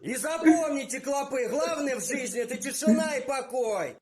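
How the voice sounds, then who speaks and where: A man playing a bossy, short-tempered mother in a comedy sketch, scolding loudly and crudely. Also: extremely high pitch, lively intonation, moderate pace, reverberant, crowd noise. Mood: furious.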